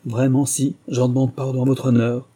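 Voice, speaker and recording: A man reading an audiobook and voicing a loud, sly male rogue who talks in raised, emphatic bursts. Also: medium pitch, little pitch movement, moderate pace, close to an everyday voice. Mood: loud, insistent.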